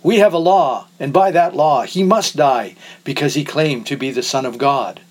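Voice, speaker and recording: A man's voice: a little high, normal speed, pitched above the performer's own voice, lightly acted. Male reader voicing an insistent crowd of accusers, raised and pushing. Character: angry crowd of priests demanding death.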